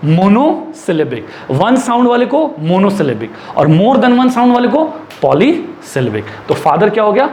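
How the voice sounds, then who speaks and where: A high-voiced man teaches a class in Hindi laced with English, repeating each rule slowly as he writes it and asking questions he answers himself. The room is echoey, with a faint hum behind him. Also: sing-song, a little mellow. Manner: repeats and dictates slowly while writing.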